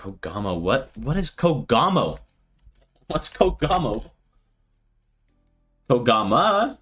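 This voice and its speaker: A man's voice: mid-range voice, big pitch swings, takes it slowly, a bit bright, breathy edge, faint music behind. Laid-back male streamer musing aloud. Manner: thinking aloud, frequent laughter. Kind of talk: casual livestream commentary.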